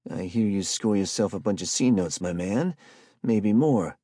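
A man's voice: lowish voice, unhurried, slightly rough, no room sound, studio quality, voice pushed up. A man voicing a menacing adult street hustler who bullies and robs, in swaggering slangy speech, for a spoken story. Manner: swaggering slangy street talk, pushy and loud.

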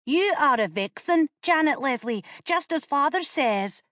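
A woman's voice: high-pitched, measured pace, no echo, studio quality, pitched above the performer's own voice. A woman voicing an impatient eight-year-old noble boy who talks loftily and teases his sister in a storybook reading. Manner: excited, superior, conspiratorial.

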